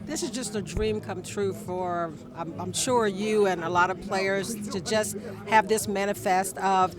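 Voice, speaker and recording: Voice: mid-range voice, fairly even intonation, a little slow, music in the background. A sports reporter asking interview questions in a locker room.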